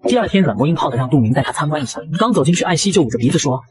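A man narrating a manga recap in a brisk, breathless scripted delivery. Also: on the high side, expressive, over a noisy crowd.

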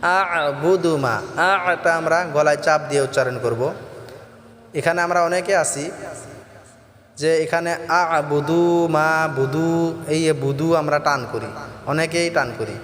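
A man teaching correct Quran recitation, explaining pronunciation rules in a calm lesson voice and then chanting each verse slowly with long drawn-out vowels. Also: on the high side. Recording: echoey reverb with faint music.

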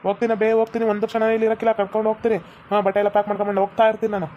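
A woman's voice: medium pitch, flat delivery, rapid-fire, lo-fi sound, slight background noise, natural voice. A woman voicing a stubborn, sulky young man in love in a comedy cartoon. He speaks with a North Karnataka Kannada accent and insists by repeating himself. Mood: determined.

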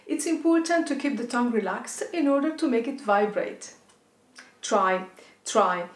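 Female Italian-accented language teacher, slightly high voice, enunciating rolled R drills in a roomy recording. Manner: demonstrates rolled R exercises, enunciating example words. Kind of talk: instructional pronunciation lesson. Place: indoor studio with plain backdrop.

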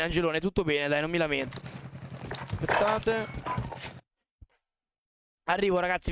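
High, smooth-voiced man chatting on stream. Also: fairly bright tone, no room sound. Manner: chatty, swears a lot, talks to chat. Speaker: live streamer. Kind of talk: casual live-stream chat.

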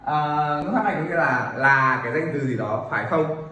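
A man teaching a Korean grammar lesson, explaining clearly and repeating example sentences slowly for practice. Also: mid-range voice, lively intonation, pushed and bright. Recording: very echoey room, somewhat far from mic.

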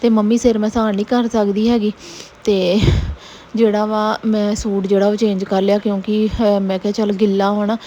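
Woman vlogger, Punjabi accent, mellow flat delivery, casual rambling chat. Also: mid-range voice, moderate pace, highs cut off, a little hiss or hum. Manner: chatty, rambling, frequent tag questions. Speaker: family vlogger, mother.

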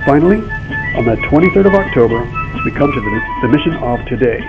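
A man's voice: mid-range voice, lively intonation, fast. Grave, commanding male military briefer, muffled audio. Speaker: mission briefing narrator. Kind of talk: scripted military briefing narration. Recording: dull lo-fi game audio under music.

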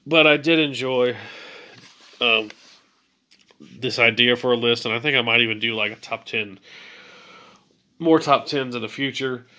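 A man's voice: medium pitch, unhurried, long pauses, pushed and bright. A man hosting a movie ranking video in a casual, enthusiastic way, sounding a little stuffy from a cold. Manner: enthusiastic, gushing praise. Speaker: movie list video host.

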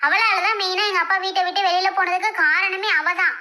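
A woman's voice: very high voice, fairly even intonation, a little fast, sharp tone. A woman doing a curt, sulky young woman. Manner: curt, resentful. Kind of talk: homemade family skit.

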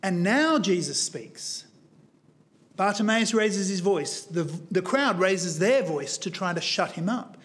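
A man with a high voice delivers a sermon in a church. He speaks earnestly and with emphasis. He retells a story with a shifting pace. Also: lively intonation, takes it slowly, a bit bright. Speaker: guest preacher.

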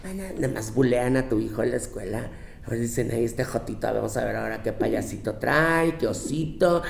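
A man's voice: mid-range voice, a little fast, gravelly, slight background noise. A man voicing a bossy young Mexican woman with a Mexican accent, lecturing her girlfriends in a profane, scolding comic monologue. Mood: sassy ranting. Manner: brash, profane, scolding, with mocking quoted voices. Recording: roomy, echoey room.

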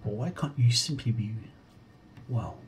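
A man doing a deadpan comedic call center role-play, halting and apologetic as he asks his questions. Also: mid-range voice. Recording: keyboard typing noise. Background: computer keyboard typing.

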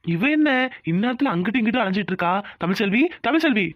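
A man voicing a gentle, puzzled young village husband in a cartoon. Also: high-pitched, lively intonation, fast talker, very noisy. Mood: teasing. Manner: plain, wondering, teasing.

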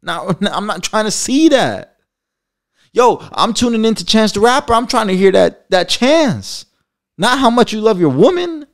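A man chatting in casual commentary with a lively, swooping voice that sits a bit high for a man. His talk is slangy and profane, loose and rambling, with frequent laughs. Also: unhurried. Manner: loose, rambling delivery with restarts. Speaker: commentary channel host.

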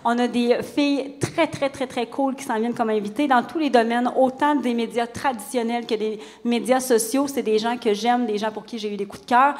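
A woman's voice: on the high side, steady tone, normal speed, hardly any pauses, long reverb tail. A Québécois woman hosting a live stage talk show, bubbly and teasing, laughing easily. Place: stage before a live audience.

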